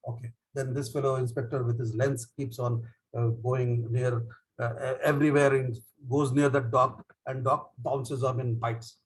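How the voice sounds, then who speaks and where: A man with an Indian English accent leads a speech training session, explaining in a lively way with frequent fillers and retelling jokes in small acted voices. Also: medium pitch, moderate pace, low-quality recording. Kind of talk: online education session.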